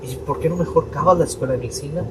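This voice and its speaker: A man's voice: on the high side, very fast. A young adult priest tells a personal story on a podcast, acting out his parents' voices as he goes. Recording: distant mic with steady room noise.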